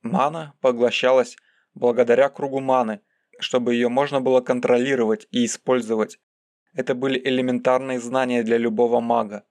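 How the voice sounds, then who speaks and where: A man narrating an audiobook in a calm, measured reading voice. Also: medium pitch, dry recording.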